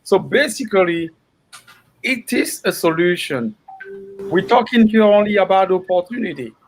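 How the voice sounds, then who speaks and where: A man's voice: sits high, rough recording. Emphatic man from Cameroon. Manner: emphatic, repeating phrases. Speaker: company promoter. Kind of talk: promotional panel talk.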